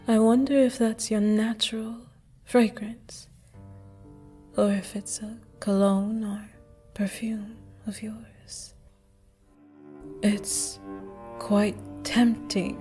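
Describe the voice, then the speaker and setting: A woman's mid-range, breathy voice carries soft, seductive whispers as she portrays a charming female vampire flirting at a masked ball. The scene is part of an audio roleplay.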